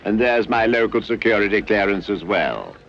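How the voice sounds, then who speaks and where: An actor playing a genial, urbane senior British official who speaks in a polished, leisurely way, in 1960s film acting. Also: male voice, fairly low pitch, big pitch swings, normal speed, fairly bright tone. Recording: dull old film soundtrack, street noise.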